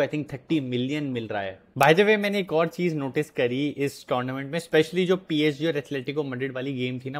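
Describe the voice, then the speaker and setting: A young man talks football in a casual vlog, mixing Hindi and English mid-sentence. His voice sits at a medium pitch, and he sounds chatty and opinionated. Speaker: football YouTuber.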